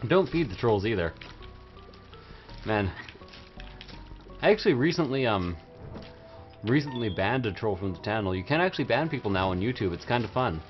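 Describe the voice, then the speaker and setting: A man's voice: on the low side, big pitch swings, moderate pace, long pauses. A young man giving casual livestream game commentary in a rowdy, silly, tipsy party-animal way. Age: young adult. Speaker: livestream host playing a video game. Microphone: microphone pulled close to the face. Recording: dull lo-fi stream audio with music. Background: game music.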